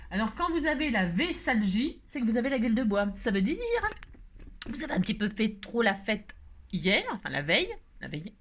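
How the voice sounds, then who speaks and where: A woman casually chatting as she makes a card, rambling and playful with lots of fillers. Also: fairly high pitch. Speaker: craft vlogger. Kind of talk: casual crafting chat.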